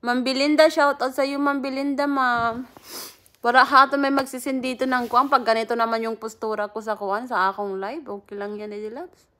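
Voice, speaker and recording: A woman's voice: fairly high pitch, fairly even intonation, brisk, sharp tone. A Filipina woman, chatting casually on a livestream, greeting viewers by name and laughing often. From Philippines. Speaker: livestream host.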